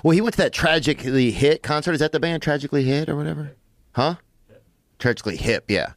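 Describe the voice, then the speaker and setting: A man's voice: fairly high pitch, expressive, quick pace, no echo, clean studio sound. A man in casual podcast chat, loose and playful, rambling through his thoughts.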